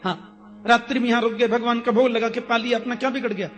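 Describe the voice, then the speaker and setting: Man putting on a scolding, sharp-tongued wife. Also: high voice, fast talker, big-room sound, lightly acted.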